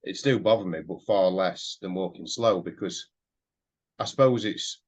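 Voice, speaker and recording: A man hosting a podcast, talking casually and hesitantly, thinking aloud with many pauses. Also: deep voice. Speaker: podcast host. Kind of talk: casual conversational interview. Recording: slightly dull lo-fi audio.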